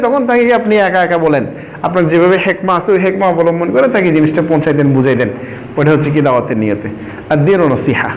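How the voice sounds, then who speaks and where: A man's voice: sits high, a little hiss or hum, low-quality recording. A man teaching a Quran reading class, quizzing his students and repeating their answers. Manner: sounds out syllables slowly for drilling. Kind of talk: classroom lesson.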